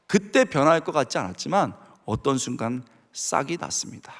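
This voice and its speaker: A man's voice: medium pitch, big pitch swings, moderate pace, fairly bright tone, big-room sound. A middle-aged man preaching a sermon as pastor, telling family stories with animation and acting out their voices.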